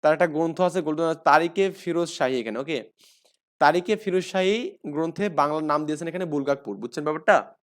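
A man with a Bangladeshi Bengali accent teaches an exam-prep lesson and keeps asking his listeners questions, then answering them himself. His voice sits a little high. He repeats each key fact and fills his sentences with small filler words. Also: quick pace. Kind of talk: explaining lecture.

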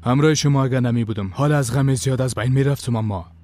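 A man's voice: medium pitch, a little mellow, lightly acted. A man playing an earnest, worried son. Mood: pleading. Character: worried grown son pleading with his father. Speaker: dubbing actor. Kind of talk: dubbed TV drama.

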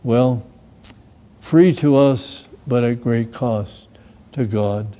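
Slow, mellow-voiced older American pastor. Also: male voice, mid-range voice. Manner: slow, measured reading of scripture and verse. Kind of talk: sermon with scripture reading and prayer. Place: small church room with plants behind.

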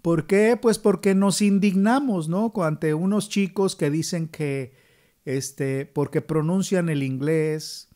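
Middle-aged man, Mexican accent, slightly high voice, opinion monologue, rhetorical questions. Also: slow pace, a little mellow. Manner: rhetorical questions to viewers, many fillers. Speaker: channel host.

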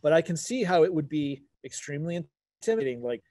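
A man's voice: on the high side, expressive, quick pace, a little mellow, no room sound. A man in his forties giving a casual, explanatory wine talk, rephrasing as he goes like a conversational teacher. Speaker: wine webinar presenter. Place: outdoors at a garden table.

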